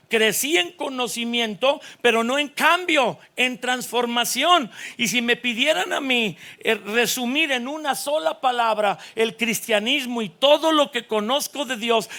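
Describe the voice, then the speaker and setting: A Mexican man in his sixties, a pastor giving a lively, joking sermon at a church conference, full of stories. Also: very high-pitched. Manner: animated, storytelling, jokes with the audience.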